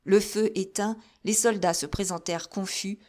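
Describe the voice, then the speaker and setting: A woman reading a classic novel aloud as an audiobook narrator, steady and measured. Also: medium pitch. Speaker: audiobook reader.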